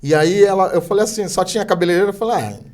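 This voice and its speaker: Mellow-voiced Brazilian man giving an emotional testimony. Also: high-pitched, rapid-fire. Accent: Brazilian Portuguese. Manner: hesitant storytelling with many restarts. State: moved to the point of tears at times. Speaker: guest telling his life story.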